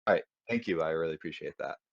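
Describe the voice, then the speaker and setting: Low gravelly man thinking aloud mid-match. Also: quick pace, no echo, highs cut off. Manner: apologetic, self-deprecating, hesitant with many fillers. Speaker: board game tournament player.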